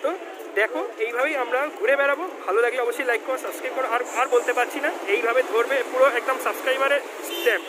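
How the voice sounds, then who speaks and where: A man's voice: very high voice, fairly even intonation, rapid-fire. A man with a Bengali accent talking through a face mask, hosting a casual street food vlog and chatting straight to his viewers. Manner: chatty, addresses viewers directly. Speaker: food vlogger host. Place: busy city street outdoors. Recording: loud street noise and traffic.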